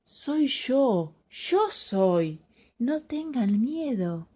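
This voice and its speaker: A calm, gentle male savior, as a woman storyteller puts him on, speaking softly and reassuringly. He has a Rioplatense Spanish accent and a warm, mellow tone. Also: on the high side, extremely slow, breathy edge, heavily acted.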